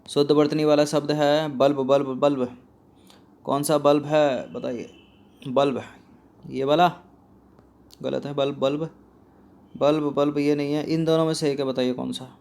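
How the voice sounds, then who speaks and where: A man's voice: on the high side, flat delivery, a little slow, creaky, long pauses, darkish tone. A man teaching spelling for an exam practice set, who puts a question to his students and then answers it himself. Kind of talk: spelling lesson walking through a practice test.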